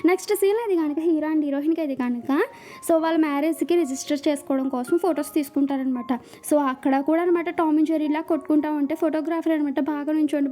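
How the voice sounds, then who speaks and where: A woman's voice: sits high, warm tone. A woman casually retelling a drama's plot, chatty and full of fillers. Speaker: drama recap narrator. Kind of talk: casual storytelling recap.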